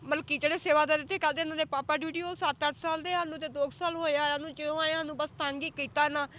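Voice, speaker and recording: A middle-aged woman, an evicted resident, telling reporters in a distressed, rapid account of how she was pushed out. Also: high-pitched, fairly even intonation, fairly bright tone. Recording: faint traffic noise outdoors.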